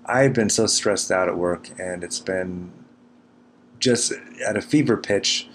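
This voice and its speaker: A man hosting a solo podcast from a cabin, rambling casually in a dry, self-deprecating way. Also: sits low. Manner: self-deprecating, dryly wry. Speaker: podcast host. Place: small cabin kitchen in the mountains. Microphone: recording into a computer. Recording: noisy cabin room recording.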